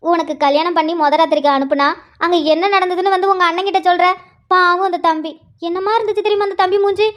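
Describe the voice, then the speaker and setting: Brief: someone doing a cartoon sister-in-law, very high squeaky voice, rattles along quickly, teasing and sly. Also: fairly even intonation, fairly bright tone. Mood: gossipy. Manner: chatty, teasing, fast gossip. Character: gossipy scheming village sister-in-law. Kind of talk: Tamil cartoon voice acting.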